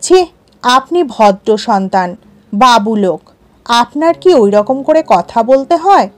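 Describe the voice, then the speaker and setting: A woman's voice: fairly high pitch, animated, takes it slowly, a little mellow. A woman reading a story aloud voices a humble, deferential male village shopkeeper. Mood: placating. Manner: pleading, deferential.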